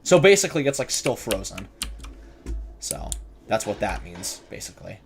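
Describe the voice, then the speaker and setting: A man's voice: on the low side, sing-song, normal speed. Nervous, joking man streaming a horror game. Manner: nervous about scares; jokey, talking back to game characters. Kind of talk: casual gameplay commentary of a horror game. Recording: clear background noise, keyboard clicks and typing.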